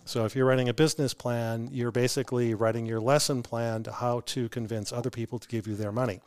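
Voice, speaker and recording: A male brewery founder being interviewed, telling his story in a relaxed, explanatory way. His voice sits at an ordinary middle pitch. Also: fast, clear, resonant tone. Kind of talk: casual podcast interview.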